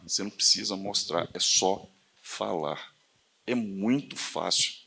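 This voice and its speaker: A man's voice: low-pitched, a little slow, vocal fry, sharp tone, breathy edge. A man with a Brazilian Portuguese accent telling stories in a casual talk at a live event, acting out the voices of people he quotes. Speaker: event speaker.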